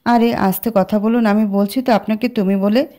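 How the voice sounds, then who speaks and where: A shy, polite young woman from a spoken storybook, read by a woman. She speaks softly and formally. The voice is mellow and warm. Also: mid-range voice, steady tone, normal speed, natural voice. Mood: flustered. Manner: soft, formal.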